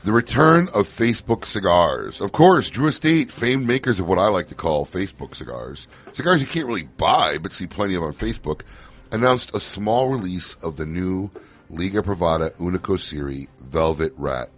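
A man's voice: deep voice, big pitch swings, normal speed. A man hosting a show with casual, teasing banter. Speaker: show host.

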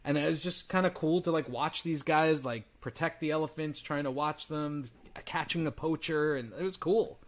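A man's voice: a little high, moderate pace, few pauses. A man of about forty co-hosting a podcast, rambling in casual chat with many fillers. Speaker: podcast co-host.

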